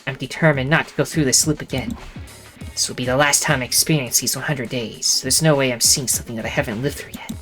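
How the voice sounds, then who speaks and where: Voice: mid-range voice, fairly even intonation, quick pace, a bit bright, soft background music, rough recording. A streamer narrating a visual novel in the first person, with casual asides in between. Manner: narrates in first person, breaks off to joke and laugh. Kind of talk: reading a visual novel aloud with commentary.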